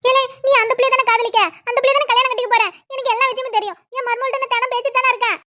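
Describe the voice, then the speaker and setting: A woman's voice: very high-pitched, fairly even intonation, racing, sharp tone, lo-fi sound. A woman voicing a worried, tearful village mother, in a cartoon. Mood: fretful. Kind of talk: cartoon voice acting.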